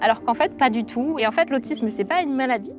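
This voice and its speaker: A woman's voice: high-pitched, animated, fast, music in the background. A woman in her thirties speaking reflectively in a documentary interview, with frequent hesitations. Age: 30s.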